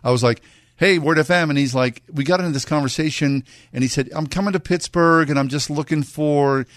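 A man's voice: on the high side, fairly even intonation, brisk, dry recording. A man chatting casually as a radio show host in a studio.

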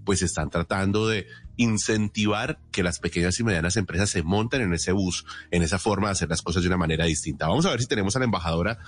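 A man's voice: low-pitched, quick pace, few pauses. A man with a Colombian accent hosting a radio programme, explaining things didactically and emphatically with rhetorical questions. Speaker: radio host. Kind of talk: explanatory radio presenting and interviewing.

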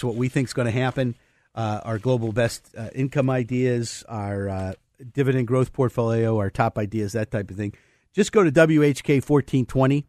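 A man's voice: medium pitch, darkish tone, dry recording. A man hosting a financial talk radio show, rambling through market views with many fillers and restarts. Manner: explains market terms plainly.

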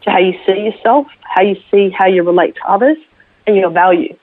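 An Australian woman, a military veteran, sharing her story slowly and reflectively as an interview guest, with many small fillers. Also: medium pitch, no echo. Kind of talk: personal testimony interview. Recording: tinny phone line, dry.

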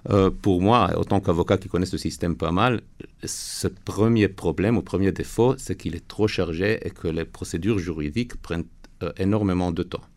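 Deep, gravelly man with foreign-accented French. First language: not French. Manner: earnest, halting phrasing with searching for words. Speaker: interview guest, lawyer and reservist. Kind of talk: radio interview answers.

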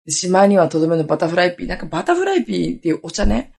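A woman around thirty hosting her own podcast, hoarse today and chatting in a lively, rambling way with many asides. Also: lowish voice, racing. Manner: chatty, animated storytelling with lots of asides. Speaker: podcast host. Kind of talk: casual solo podcast chat.

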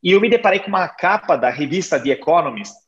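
A man in his thirties from Genoa, Italy, speaking Portuguese with an Italian accent as a podcast guest, telling his story with animated pauses and hesitations. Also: a little high. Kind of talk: conversational interview. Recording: slightly dull lo-fi sound.

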